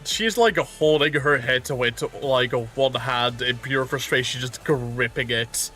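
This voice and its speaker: A man runs a tabletop role-play game, narrating each turn in a loose, rambling way with the odd light curse. His voice is bright and forceful at a middle pitch. Faint music plays underneath. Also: a little slow. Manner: casual, rambling, swears lightly. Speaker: game master.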